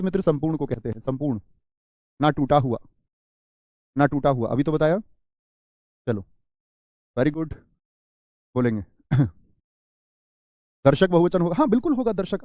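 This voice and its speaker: Animated male Hindi grammar teacher. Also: a little high, dry recording, lo-fi sound. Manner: animated teacher, stretches and stresses single words for emphasis; addresses students as friends, preachy asides. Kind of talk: online class lecture.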